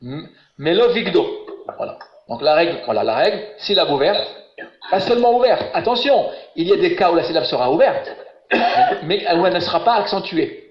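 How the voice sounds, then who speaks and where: A man teaching biblical Hebrew grammar online, patient and encouraging as he quizzes his students. His voice sits a little high. It sounds roomy and muffled, like webinar audio. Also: big pitch swings, brisk. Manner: patient, encouraging, asks questions. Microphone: webinar call audio.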